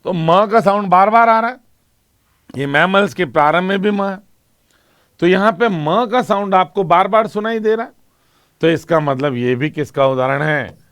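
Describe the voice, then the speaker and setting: A man teaching an English exam class, asking questions and answering them himself and reading example lines slowly. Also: sits high, fairly bright tone, clear, resonant tone, dry recording, clean studio sound. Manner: explains in Hindi with English terms, asks and answers own questions. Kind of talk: classroom lecture.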